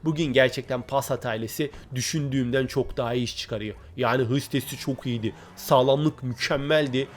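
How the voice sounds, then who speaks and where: A man hosting a gaming channel, giving chatty, excitable commentary and talking straight to his viewers. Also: medium pitch, brisk, hardly any pauses, a little hiss or hum. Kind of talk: casual gameplay commentary.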